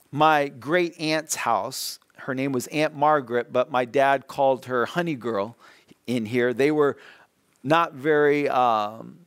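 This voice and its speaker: A man's voice: mid-range voice, smooth, no echo, studio quality. A male pastor preaching a sermon who tells a story earnestly and often repeats words as he goes.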